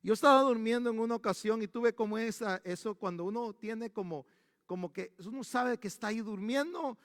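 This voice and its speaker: A male pastor preaches in a high voice, telling stories and often restarting sentences. His voice is dry up close, while a long church-hall reverb trails behind each phrase. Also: a little fast. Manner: animated storytelling with frequent restarts. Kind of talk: storytelling sermon.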